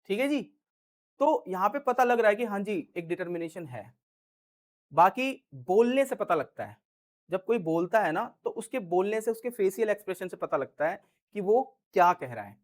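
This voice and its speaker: A man's voice: high-pitched, sing-song, normal speed. A male teacher giving a casual grammar lesson in Hindi, chatty and repetitive, often saying "theek hai" and acting out example sentences in different tones. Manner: chatty, repeats "ठीक है", acts out example lines in different tones. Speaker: English teacher.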